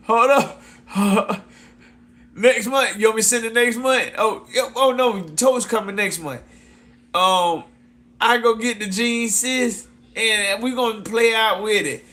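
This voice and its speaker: High, bright-voiced man chatting casually. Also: slow. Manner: loose, repetitive, keeps addressing "sis"; exclamatory whoops and laughs. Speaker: fashion designer pitching his brand. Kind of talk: casual live chat with viewers.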